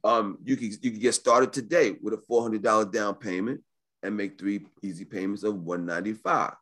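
A man giving a casual, slangy live webinar sales pitch in the manner of a home shopping host, pushing deals and often checking in with the listener. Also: steady tone, a little fast, a bit bright. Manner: informal and slangy, often checking in with right and okay. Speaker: business credit coach hosting a sales webinar.

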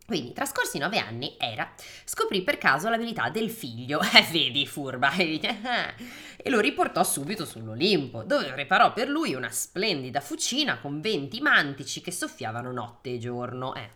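Lively low-voiced woman podcast host. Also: moderate pace, few pauses. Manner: joking asides, laughs often. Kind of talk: reading myths aloud with casual chat.

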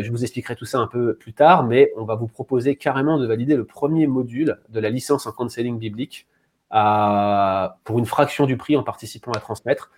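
Man reading scripture, then pitching a course. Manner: lively, hesitant with fillers. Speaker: webinar speaker. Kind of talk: Bible reading then promo talk.

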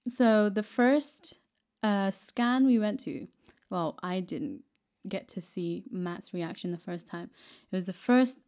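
A woman's voice: medium pitch, slow, hardly any pauses, darkish tone. A woman in her twenties co-hosting a podcast in casual, chatty talk, laughing easily. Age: 20s. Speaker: podcast co-host. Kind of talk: casual chat.

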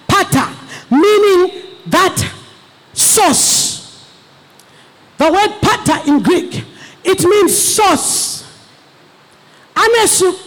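A woman pastor preaching an impassioned sermon, shouting exhortations and putting questions to her congregation. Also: very high voice.

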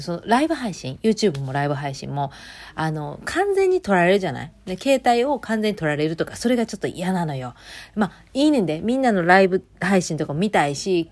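Kansai woman, solo audio host, rapid rambling chat, lower pitch. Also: darkish tone. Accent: Kansai Japanese. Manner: rambling and chatty, many fillers and asides. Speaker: podcast host.

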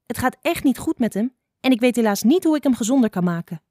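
A woman voicing a blind, sharp-tongued old female fox who scolds impatiently. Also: fairly high pitch, expressive, fast, dry recording, clean studio sound, pitched above the performer's own voice. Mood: stern.

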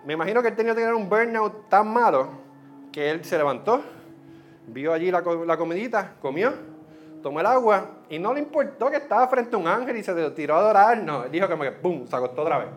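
A male pastor delivers a sermon in a somewhat high voice. He preaches in an animated, chatty way, slipping English words into his talk, with soft music playing underneath. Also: fast talker.

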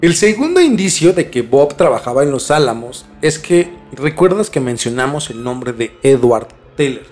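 A podcast host with a Mexican accent speaks at a medium pitch with wide swings in intonation, keeping a moderate pace and barely pausing. His voice is slightly mellow. He blends scripted narration with slangy, colloquial storytelling over background music.

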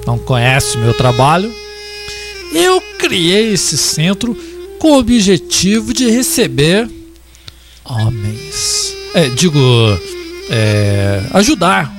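A camp, flustered doctor trying to sound like an alpha male guru in a radio comedy sketch. He has a Brazilian accent and speaks slowly and theatrically, swooping between fluty and gruff. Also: sits high, heavily acted. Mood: pompous, flustered. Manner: camp, theatrical, self-correcting into a gruff macho tone. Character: flustered effeminate male doctor posing as macho motivational guru. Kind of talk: comedy radio sketch, mock motivational speech.

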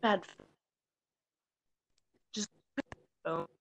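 A woman's voice: extremely slow, fairly bright tone, slight background noise. A young woman co-hosting a casual podcast over an online call, giggly and rambling, her audio choppy and cutting out from a bad connection. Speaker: podcast co-host.

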